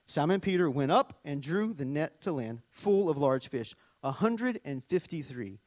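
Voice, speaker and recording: This middle-aged Arkansas preacher and worship leader, with a Southern US accent, gives a chatty, animated sermon, slipping jokes and storytelling between scripture readings. His voice is a bit high for a man and moves at a moderate pace. The audio is dry and close, without room sound.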